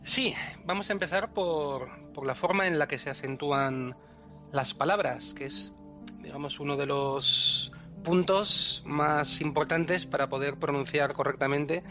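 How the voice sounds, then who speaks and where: Teacherly man, slightly high voice. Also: unhurried, pushed and bright. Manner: patient, teacherly, chuckles often. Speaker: language section guest. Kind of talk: explanatory podcast chat. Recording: dull lo-fi podcast recording with faint music.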